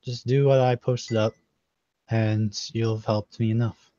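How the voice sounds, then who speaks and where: A man's voice: fairly low pitch, level tone, a little slow, mellow, no echo, highs cut off, natural voice. A man voicing a guarded female drow mercenary who speaks curtly and with distrust in a tabletop game. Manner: curt and distrustful.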